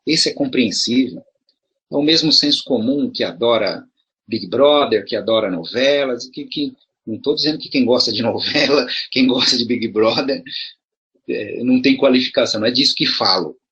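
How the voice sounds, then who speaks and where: Very husky middle-aged Brazilian man. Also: mid-range voice, normal speed, a bit bright, lo-fi sound. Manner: conversational, rhetorical questions, frequent restarts. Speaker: video commentator addressing promoters. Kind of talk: casual explanatory monologue.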